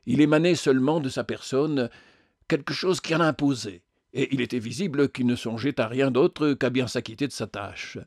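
A man narrating a novel as an audiobook, in a measured reading with occasional hesitations. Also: mid-range voice, a little mellow, no echo, studio quality.

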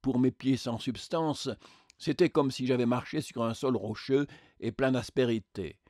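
A man's voice: mid-range voice, no echo, studio quality. Man reading a literary tale. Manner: measured, literary, even reading. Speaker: narrator. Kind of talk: audiobook narration.

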